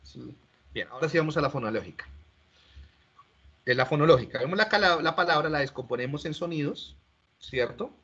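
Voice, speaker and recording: Fairly high-pitched and animated, with a bright, breathy edge, this man teaches an online class a little fast while pausing often. He walks through material step by step, puts questions to students, and frequently restarts his sentences. The audio is dull lo-fi.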